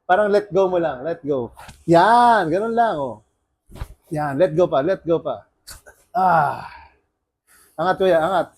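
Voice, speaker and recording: This is a man giving a bone-setting massage on a yacht, talking his patient through it in a casual, steady way. His voice is a little husky and sits slightly high. He keeps repeating gentle cues to relax, inhale and let go. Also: takes it slowly, pauses often. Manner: calm, soothing instructions to relax and breathe. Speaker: bone setter. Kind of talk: casual coaching during a massage treatment.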